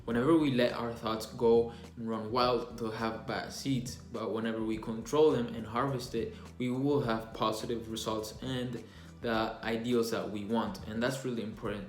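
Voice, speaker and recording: A man's voice: mid-range voice, steady tone, normal speed. A young man gives a casual, earnest book review, restarting phrases now and then as he reflects. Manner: earnest, plainspoken, with frequent restarts and self-reflection. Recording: echoey room with faint music underneath.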